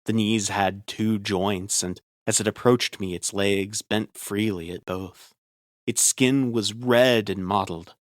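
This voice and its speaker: A man's voice: sits low, no room sound, clean studio sound. A man narrating a first-person horror story in a tense, scripted way.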